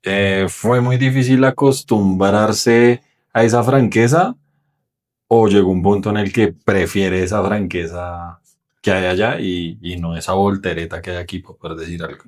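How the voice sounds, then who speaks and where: Colombian podcast host, low voice, relaxed and conversational. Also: male voice, a little slow. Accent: Colombian Spanish. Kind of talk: casual chat.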